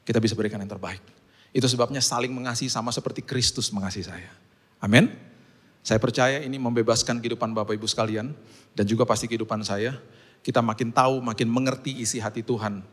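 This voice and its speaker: Middle-aged male pastor, storytelling sermon, mid-pitched voice, sudden loud bursts, long hall reverb. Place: large church hall.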